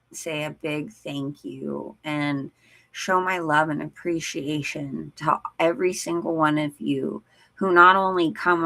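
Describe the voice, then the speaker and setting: A woman's voice: low voice, sharp tone. A woman co-hosting a live stream, chatting casually with a Valley-girl lilt and lots of "like". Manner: chatty, laughs often, says "like" a lot. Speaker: co-host of a live stream show.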